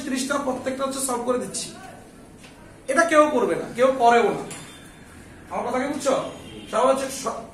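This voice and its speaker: A man's voice: very high voice, a bit bright, reverberant, far from the mic, a little hiss or hum, low-quality recording. A man tutoring a live English class, coaxing his students and repeating his questions back to them.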